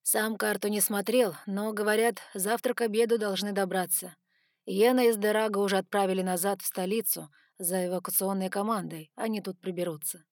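A woman's voice: medium pitch, fairly even intonation, fairly quick, darkish tone, dry recording, studio quality, close to an everyday voice. A woman voicing a sly, sarcastic male ice dragon who talks in a teasing, offhand way.

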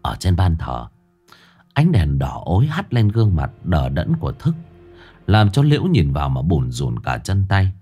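A man narrating a ghost story in a dramatic, expressive manner. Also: deep voice, moderate pace, slightly rough, faint music behind.

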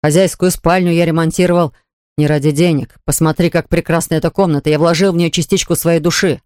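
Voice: mid-range voice, fairly even intonation, fast, no room sound, close to an everyday voice. A narrator voicing a hostile, defensive husband, reading in a dry, close studio recording. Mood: pleading. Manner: shouting, then pleading.

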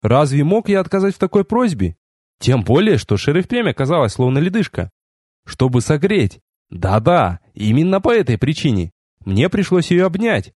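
A man reading a first-person audiobook in a wry, expressive way with sardonic asides. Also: fairly high pitch, moderate pace, slightly rough, dry recording, studio quality. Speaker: audiobook narrator.

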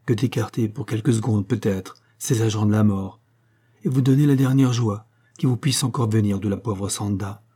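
A man voicing a grave, compassionate Indian sage in an audiobook, speaking slowly and gently. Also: fairly low pitch, slightly rough. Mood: solemn. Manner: slow, gentle, solemn speech. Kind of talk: audiobook character voice.

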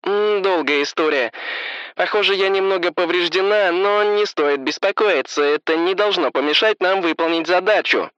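A man voicing a calm, caring female ship AI in a storybook reading, soft and composed with a light teasing edge. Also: high-pitched, normal speed, clean tone, no echo, muffled recording, pitched above the performer's own voice. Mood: reassuring. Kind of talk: audiobook character voice.

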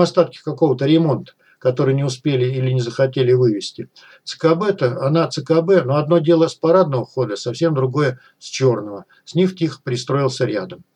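Middle-aged male audiobook reader, husky tone, even read with light character voicing. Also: mid-range voice. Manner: reads dialogue with small raised voices for characters. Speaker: audiobook narrator. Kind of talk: scripted narration.

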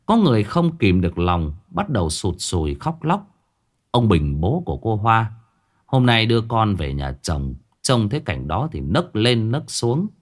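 A man narrating a folk ghost story in a colloquial, expressive storytelling manner. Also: on the low side, measured pace. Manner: lively, colloquial, expressive telling.

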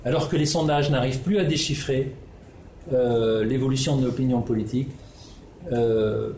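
A man's voice: mid-range voice, fairly even intonation, moderate pace, mellow, slight background noise. A man from the Netherlands, giving a spoken presentation as a researcher, hesitant with many fillers and restarts. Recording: echoey room with faint ambience.

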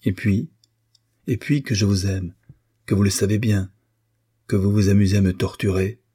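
A man's voice: lowish voice, fairly even intonation, normal speed, mellow, slightly rough. A man voicing a proud, hot-tempered young Russian musician who speaks brusquely and angrily in an audiobook reading. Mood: passionate. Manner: brusque, angry. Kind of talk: audiobook character voice.

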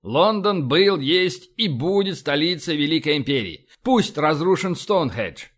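A man voicing a proud, excitable male rear admiral prone to shrill indignant outbursts. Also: unhurried.

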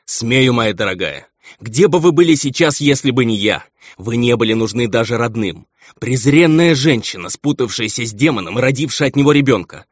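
A man's voice: mid-range voice, lively intonation, moderate pace, no echo, voice pushed up, close to an everyday voice. A man voicing a pompous, contemptuous baron and cruel husband, on a dull, lo-fi recording.

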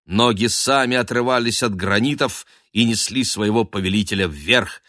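A man narrating an audiobook in an expressive, dramatic storytelling manner. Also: lowish voice, moderate pace, dry recording, clean studio sound. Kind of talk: scripted narration.

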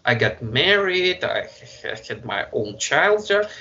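A man from Russia with a Russian accent, speaking English in a halting way with many fillers and restarts as an interview guest. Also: fairly high pitch, very animated, sharp tone, dull audio. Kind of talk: conversational interview.

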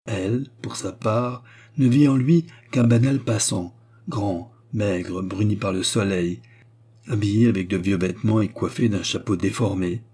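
Male audiobook narrator, low, mellow, husky, measured delivery. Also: steady tone. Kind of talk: audiobook reading.

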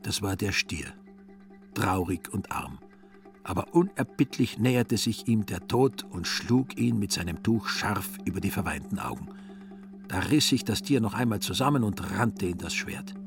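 Narrator, man, low voice, calm ironic storytelling, soft music underneath. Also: normal speed. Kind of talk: scripted narration in a radio play.

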